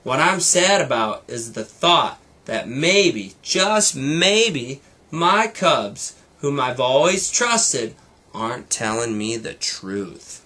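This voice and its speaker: Man reading as a patient, bright-voiced mother bear. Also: medium pitch, sing-song, slow, full character voice. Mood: gently disappointed. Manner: patient, reassuring. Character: gentle, trusting mother bear. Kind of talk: children's storybook read-aloud.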